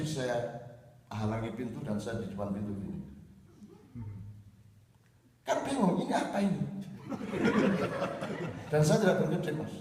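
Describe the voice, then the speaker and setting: A man telling lively stories to an audience, often laughing as he talks. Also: on the high side. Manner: animated, laughing storyteller slipping into Javanese. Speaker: speaker at a religious gathering. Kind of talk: storytelling talk to an audience. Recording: echoey hall recorded from far off, noisy.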